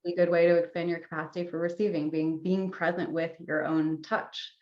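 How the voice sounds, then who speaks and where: Gentle low-voiced woman, roomy dull audio. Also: flat delivery, a little fast. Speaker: guest, sex and somatics coach. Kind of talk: casual podcast interview.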